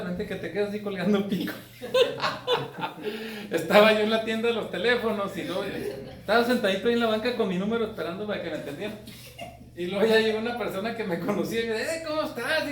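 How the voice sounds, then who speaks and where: Profane Mexican man in an echoey room. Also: high-pitched. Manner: profane, colloquial, often asks "me entiendes". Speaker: speaker on grief. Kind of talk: casual talk. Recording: echoey room, distant mic, faint noise.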